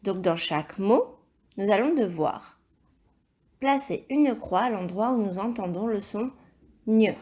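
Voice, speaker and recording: Slow, careful woman teacher for young children. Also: mid-range voice, expressive, warm tone. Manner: slow, careful, encouraging, spells out sounds and syllables; repeats each word twice. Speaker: primary school teacher. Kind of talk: recorded video lesson for young children.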